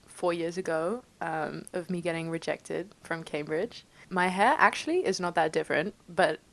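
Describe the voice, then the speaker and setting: This is casual talk to camera from a twenty-something English vlogger in her bedroom, bubbly, enthusiastic and quick to laugh. She speaks at normal speed in a lowish, creaky voice, with a slight Dutch tinge to her English accent. The audio is poor.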